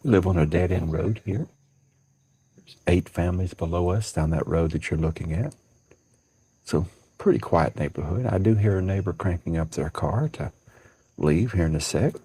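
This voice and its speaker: A man, calmly thanking viewers on a live stream from his porch. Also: sits low, moderate pace, husky. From central Alabama. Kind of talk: casual chat on a live stream. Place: outdoors on a home porch at dawn.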